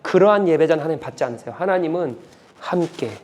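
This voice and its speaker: A male pastor preaching a sermon, emphatic and repetitive, dropping from loud urging to a hush. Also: a little high, lively intonation, fast talker. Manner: emphatic, repetitive, swings between loud and hushed.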